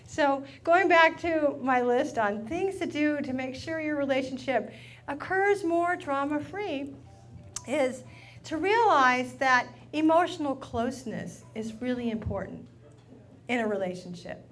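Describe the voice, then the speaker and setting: A woman's voice: high voice, lively intonation, measured pace. A woman giving a playful relationship talk to a live audience, often asking the room questions. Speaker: relationship speaker.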